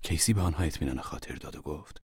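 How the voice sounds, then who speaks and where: A man narrating an audiobook in a measured way, sometimes dropping to a whisper in tense passages. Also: extremely low pitch, expressive, a little mellow, husky, no echo, clean studio sound.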